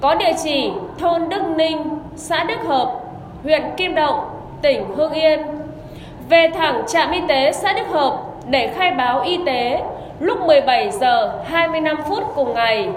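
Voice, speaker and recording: High-pitched woman announcer over echoing public loudspeaker. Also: lively intonation. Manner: measured, deliberate official reading. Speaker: commune public radio announcer. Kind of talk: formal scripted public announcement. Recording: echoey loudspeaker, long reverb, background noise.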